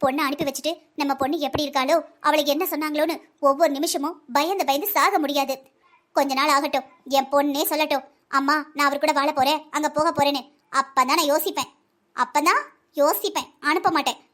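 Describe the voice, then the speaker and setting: A woman voicing a sharp-tongued middle-aged mother in a cartoon family drama, scolding quickly and insistently as she protects her daughter. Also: sits high, steady tone. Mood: defiant. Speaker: voice actor.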